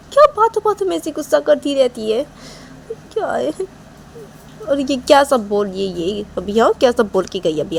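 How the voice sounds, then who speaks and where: A woman's voice: gravelly, a little hiss or hum. A woman voicing an exasperated young woman who keeps complaining, asking the same questions again and again, in an amateur audio story. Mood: fed up. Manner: exasperated, repeats complaints, high and insistent. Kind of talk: amateur storytelling with voiced dialogue.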